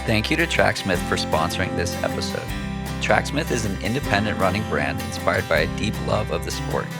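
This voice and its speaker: Gravelly low-voiced male podcast host. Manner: measured, reads ad copy evenly. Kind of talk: scripted podcast intro and ad reads. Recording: music bed underneath.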